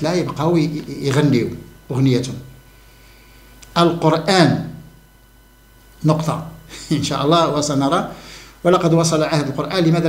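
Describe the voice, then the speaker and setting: Brief: rapid, slightly high-voiced man, insistent commentator, echoey room. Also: a little mellow. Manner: emphatic, repeats key words for stress. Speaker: religious commentator. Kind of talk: monologue to camera on the Quran.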